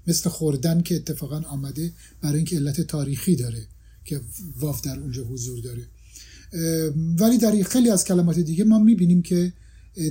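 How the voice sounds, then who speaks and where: Man, husky voice, mellow tone, careful lecturing explanation, pauses and restarts. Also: fairly high pitch. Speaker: language scholar. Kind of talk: explanatory discussion.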